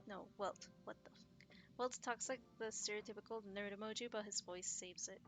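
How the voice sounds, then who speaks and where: A young woman streamer casually commenting on a game, giggling, swearing and dropping into soft asides. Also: medium pitch, steady tone, fairly quick, soft background music.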